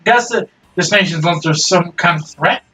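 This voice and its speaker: A man's voice: high voice, moderate pace, pushed and bright. A young man hosting a let's-play, reading a dating sim aloud with casual, wry asides. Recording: distant mic, faint music.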